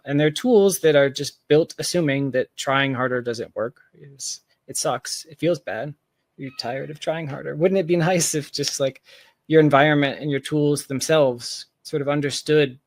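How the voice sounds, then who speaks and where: There's no room sound as a man with a mid-range voice is interviewed. He's a software founder who talks about his work candidly and casually, with emphatic, self-deprecating asides.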